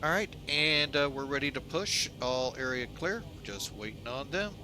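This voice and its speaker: A man's voice: medium pitch, normal speed. Guy on a pilot headset mic, laid back, chatting to folks, noisy hum behind him. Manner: relaxed, talks to viewers as "folks". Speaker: flight sim streamer playing airline pilot. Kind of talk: casual commentary while flying a simulator.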